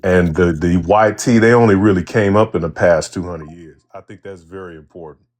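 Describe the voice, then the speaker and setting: A man's voice: low voice, moderate pace, darkish tone. A man from Chicago calling in to a casual chat, earnest and a little hesitant. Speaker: caller.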